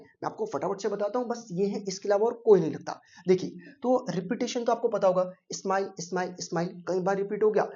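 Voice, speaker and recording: A man's voice: high-pitched, dark tone, lo-fi sound. A man teaching an exam-prep English lesson, mixing in English terms and quizzing students with rhetorical questions.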